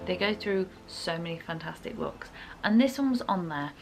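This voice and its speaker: This young woman reviews books for her viewers in a chatty, informal way, often hedging her opinions. Her fairly low voice carries a clear creak, and music plays behind her.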